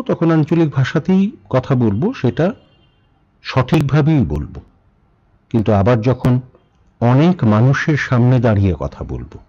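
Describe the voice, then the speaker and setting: A man from Bangladesh giving a spoken lesson, measured and pausing often, asking rhetorical questions. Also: medium pitch, dark tone, muffled recording. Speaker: speaking teacher. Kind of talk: spoken lesson on standard pronunciation.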